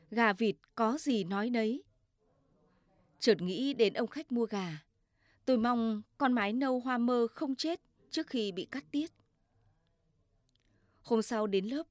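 A woman reads a story aloud in a measured, steady narration. Her voice sits a little high. The recording is close and dry, with no echo.

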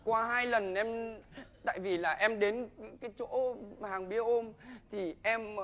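A young man playing a cheeky patient in a stage comedy sketch, talking back fast and jokingly. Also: high voice, steady tone, fairly bright tone, slight background noise. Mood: pleading. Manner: joking backtalk, fast and pleading.

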